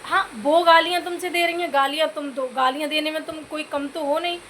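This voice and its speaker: Woman vlogger, high pitched, scolding, pleading, faint background ambience. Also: fairly even intonation, fairly quick, a bit bright, a little hiss or hum. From Uttar Pradesh, India. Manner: scolding, repeatedly addressing listeners as "bhai"; earnest, pleading for comments. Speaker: YouTube vlogger. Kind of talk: direct-to-camera commentary rant.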